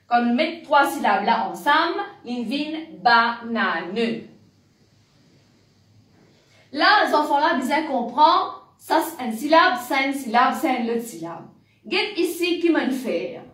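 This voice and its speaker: Teacher, woman, high voice, patient syllable-by-syllable delivery, roomy sound from a distant mic. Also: very animated, a bit bright. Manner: slow, spells out letters and syllables. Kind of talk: reading lesson for parents.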